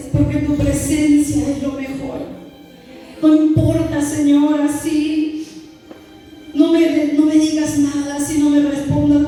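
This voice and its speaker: A woman with a high, mellow voice gives a fervent church testimony at an unhurried pace, her phrases often lifting into a sung cadence. She is heard from far off in a big, booming hall, with soft music underneath. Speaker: church member giving testimony.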